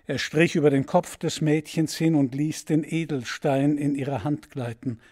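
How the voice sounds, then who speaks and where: A man narrating a fairy tale for an audiobook in a calm, measured way. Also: a little high.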